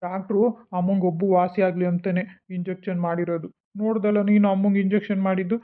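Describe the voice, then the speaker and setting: Guy doing a soft-spoken cartoon dad, calm and flat, tinny phone-ish audio. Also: sits high, fast talker, close to an everyday voice. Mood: soothing. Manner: soothing, patient. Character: caring young father, gentle and sad.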